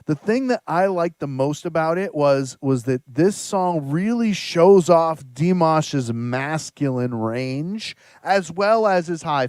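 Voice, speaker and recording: A man's voice: fairly high pitch, darkish tone, clear, resonant tone, dry recording. A man hosting a musicians' reaction panel, introducing guests with enthusiasm. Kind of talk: upbeat show hosting.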